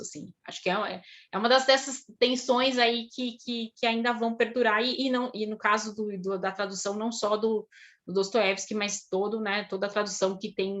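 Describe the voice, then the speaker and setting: Brazilian woman speaking haltingly on a video call. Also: medium pitch. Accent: Brazilian Portuguese. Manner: thoughtful, halting, many restarts and tag questions. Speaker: guest speaker on Russian literature. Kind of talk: online talk answering audience questions.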